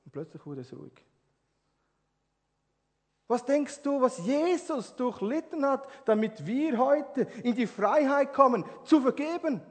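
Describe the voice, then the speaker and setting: Male preacher, very high voice, dramatic shifts from soft to loud, long hall reverb. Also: very animated, a little slow. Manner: swings from hushed to loud, impassioned preaching. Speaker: pastor. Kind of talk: sermon.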